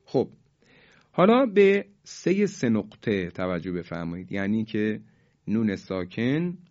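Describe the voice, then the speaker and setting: A man teaching Quran recitation rules, formal and polite, drawing out the example words slowly for listeners to repeat. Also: fairly low pitch, big pitch swings, darkish tone, dull audio. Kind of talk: tajweed lesson with recited examples.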